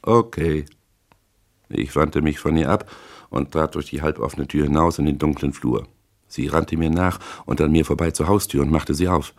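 A man with a very deep, low voice narrates a hard-boiled crime story in the first person. His reading is measured and deliberate, paced like a scripted audiobook. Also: steady tone.

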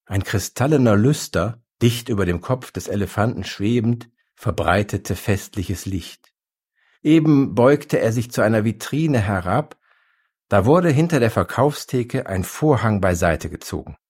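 A man reading a story aloud in a calm, measured narration. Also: fairly low pitch, slightly rough.

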